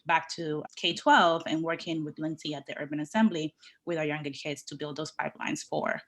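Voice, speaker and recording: Speaking with little pitch movement in a low voice, a woman from the Dominican Republic describes her career journey as a podcast guest. She heads workforce development efforts and talks earnestly and in a measured manner, organizing her thoughts into lists.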